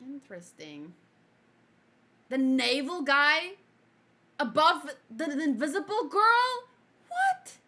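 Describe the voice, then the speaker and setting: Reacting to one of her old videos, this young native Afrikaans speaker chats casually through an anime review, giggling as she swings between loud bursts and quiet mumbling to herself. Her voice is high and very animated, and she speaks slowly with frequent pauses.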